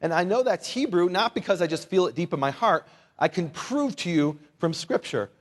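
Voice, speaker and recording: With a high voice, lively intonation and a normal speed, a man who speaks English natively gives an informal Bible lesson to people in the room. He works as a Bible teacher and lecturer, and his manner is conversational and wry, built on rhetorical questions and having listeners repeat words.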